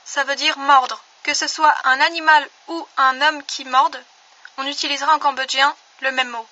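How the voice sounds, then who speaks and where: Woman, online language teacher: high, bright voice, unhurried, careful repetition of each word, slightly dull lo-fi recording. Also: steady tone.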